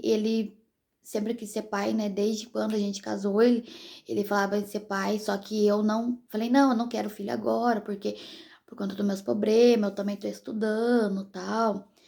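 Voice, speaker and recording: A woman's voice: mid-range voice, vocal fry, dark tone. A young pregnant woman from Brazil chatting casually to her viewers as a vlogger, in a rambling, direct way.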